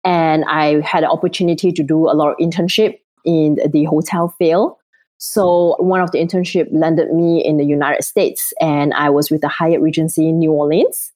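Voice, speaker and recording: A woman's voice: low voice, level tone, normal speed, darkish tone. A woman from Singapore, chatting as an interview guest while she has a cold, often laughing. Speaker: guest, event planner. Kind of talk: casual interview chat.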